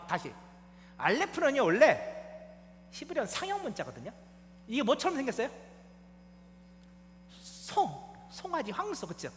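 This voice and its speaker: A man preaching a sermon in a church, his voice high and bright. His delivery is lively and teacherly, rising and falling as he puts questions to the congregation. A long reverb from the sanctuary and a faint hum sit behind him. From South Korea. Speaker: pastor.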